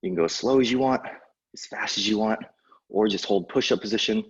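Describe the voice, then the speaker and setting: A man's voice: lowish voice, brisk, husky, lo-fi sound. A man coaching a workout like an aerobics instructor, casually giving short encouraging cues and countdowns while exerting himself. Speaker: fitness instructor.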